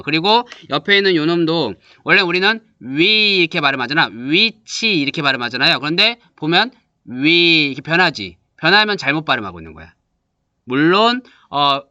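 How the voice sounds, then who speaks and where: Lively, bright-voiced male teacher. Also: fairly high pitch, dry recording, muffled recording. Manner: explains step by step, asks students quick check-questions; models vowel sounds aloud for students to repeat. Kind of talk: classroom lecture.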